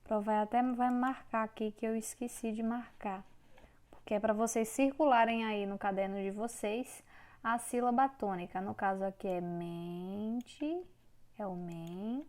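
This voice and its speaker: A woman teacher giving a recorded grammar lesson, dictating words slowly and clearly syllable by syllable. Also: mid-range voice, darkish tone. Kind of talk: online Portuguese grammar lesson.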